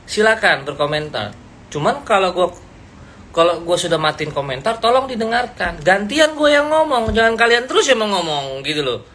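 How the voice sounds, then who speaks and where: A man's voice: high-pitched, animated, a little fast, sharp tone. Blunt man ranting to viewers. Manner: blunt, confrontational, slangy. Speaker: livestreamer. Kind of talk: ranting live stream to viewers. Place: indoors, seated.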